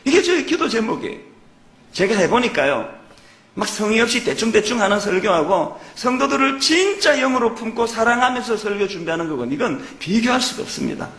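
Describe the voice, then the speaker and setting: A man's voice: high-pitched, big pitch swings, brisk, fairly bright tone. A man from preaching a sermon as a pastor, earnest and emphatic, with many rhetorical questions. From Gyeongsang, South Korea. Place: church sanctuary. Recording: echoey church hall.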